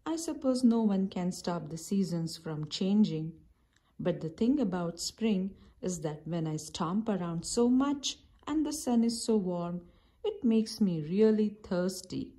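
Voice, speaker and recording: A woman's voice: medium pitch, expressive, measured pace, dark tone. A woman voicing a grumbling, reluctant male rabbit in a children's storybook, with a complaining manner. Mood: resigned.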